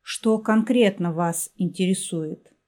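A woman voicing a gaunt, hooded male shopkeeper who speaks in a quiet, breathy half-whisper with an aloof, formal manner. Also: on the low side, slow pace.

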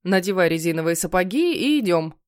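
A woman voicing a father who talks firmly and briskly. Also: fairly low pitch, very animated, dry recording, studio quality. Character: cheerful but strict father.

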